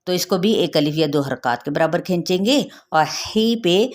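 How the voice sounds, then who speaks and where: A woman gives a tajweed lesson. She explains each recitation rule patiently, checks in with her students often, and then recites the words slowly and carefully. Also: fairly low pitch, animated. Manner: patient, repeats rules, checks with "theek hai". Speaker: Quran recitation teacher.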